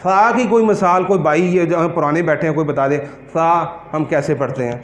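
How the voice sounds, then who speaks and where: High-voiced male Quran teacher, echoey room. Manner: asks the class questions, repeats words slowly to correct pronunciation. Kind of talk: classroom lesson on Quran pronunciation. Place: classroom.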